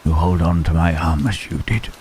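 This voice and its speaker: A man playing Frankenstein's monster as a lonely, gentle creature in intimate ASMR roleplay, halting and tender, with formal wording. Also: sits low, level tone, a little hiss or hum, lightly acted. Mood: tender, longing. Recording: rain and thunder behind the voice. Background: rain and thunderstorm.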